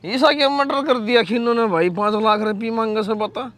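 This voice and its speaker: A man's voice: very high-pitched, brisk, a bit bright. A man playing a stubborn, cheeky middle-aged drunk father in a Haryanvi comedy drama, rambling in a Haryanvi accent. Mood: argumentative.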